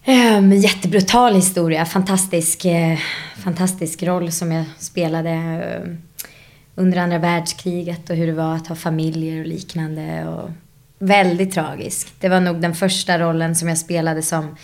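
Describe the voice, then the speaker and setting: Actress, female, lowish voice, reflective interview guest, animated storyteller, mixes in English. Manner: drops English phrases into her speech. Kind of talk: casual interview chat.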